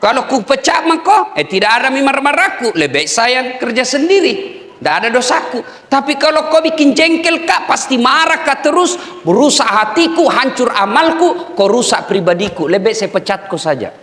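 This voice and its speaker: A middle-aged man with a Makassar Indonesian accent giving a humorous, scolding sermon in an animated, jokey way. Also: extremely high pitch, moderate pace. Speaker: preacher. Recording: echoey hall.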